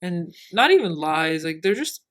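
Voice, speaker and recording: A woman's voice: fairly low pitch, very animated, normal speed. A young woman in her twenties, co-hosting a podcast in casual chat, rambling with many fillers and laughing, a little tipsy. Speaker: podcast co-host.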